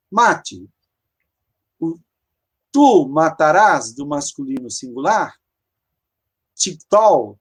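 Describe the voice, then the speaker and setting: A Hebrew teacher giving an online grammar lesson. The teacher often stops to search for words and explains each step slowly. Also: medium pitch. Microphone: video call.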